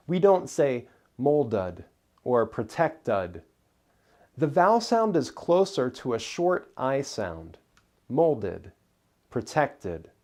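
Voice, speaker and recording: Male teacher, scripted lesson narration, slow and careful, mid-pitched. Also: darkish tone. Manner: careful, deliberate enunciation of single words. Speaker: English pronunciation teacher.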